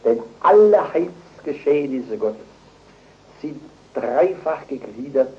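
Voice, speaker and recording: An older man delivers a sermon with forceful emphasis, rising to loud stressed phrases and then dropping to quiet asides. His voice sits at an ordinary middle pitch. The recording is dull and lo-fi. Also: expressive, slow. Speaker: preacher.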